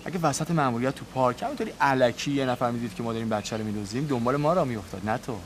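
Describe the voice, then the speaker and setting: An actor playing a sly, bold kidnapper who taunts his boss, often speaking in a hushed voice. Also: medium pitch, expressive, a little hiss or hum, lightly acted. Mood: taunting.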